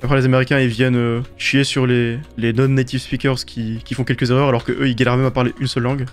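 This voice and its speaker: A young French man chatting casually while gaming, quick and slangy. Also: medium pitch, flat delivery, soft background music. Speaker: gamer.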